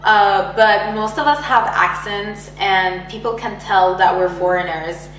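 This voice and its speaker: This young woman from Egypt chats casually in an oral history interview, laughing lightly and filling pauses with lots of filler words. Her medium-pitched voice sounds fairly bright and a little slow, recorded far from the mic in an echoey room with a faint hum.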